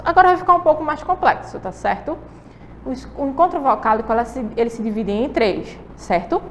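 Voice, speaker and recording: A woman's voice: high voice, fairly bright tone, in a large hall, slight background noise. A woman teacher with a Brazilian Portuguese accent, giving a patient lesson to children and often checking that they follow. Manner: patient, drawn-out explaining with frequent checking questions.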